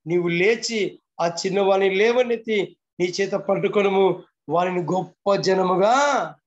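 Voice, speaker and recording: A man with a high-pitched voice delivers a morning devotional sermon, pressing his points through repetition and rhetorical questions. His voice comes through the muffled, lo-fi sound of a video call. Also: unhurried. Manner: fervent preaching with repeated phrases and rhetorical questions. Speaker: pastor.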